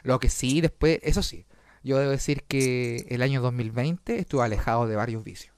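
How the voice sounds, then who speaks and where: A Chilean comedian and podcast host telling stories in a casual, swearing, laugh-filled chat. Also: male voice, mid-range voice, normal speed, clear, resonant tone. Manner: swearing, animated, laughs often.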